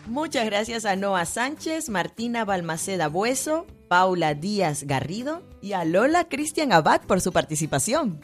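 A woman's voice: medium pitch, very animated, a little slow, hardly any pauses, over music. A woman hosting a children's radio program, playful and laughing as she stumbles through tongue twisters. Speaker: radio host.

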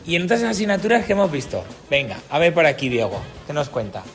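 A man's voice: a little high, very animated, quick pace, vocal fry, fairly bright tone, faint music behind. Man quizzing kids playfully. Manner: encouraging, playful questions. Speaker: teacher hosting a school radio show. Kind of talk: quizzing children in class chat.

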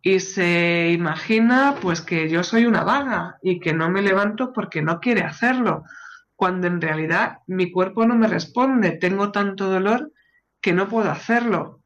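A woman's voice: mid-range voice, unhurried, muffled recording. A woman co-hosting a radio show on psychology, talking fluently and reading stories aloud. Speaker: radio co-host.

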